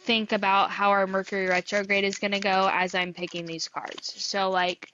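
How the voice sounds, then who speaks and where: A woman's voice: mid-range voice, level tone, moderate pace, fairly bright tone, lo-fi sound, a little hiss or hum. A woman co-hosting a podcast in casual chat, easygoing and laughing along between lines. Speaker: podcast co-host.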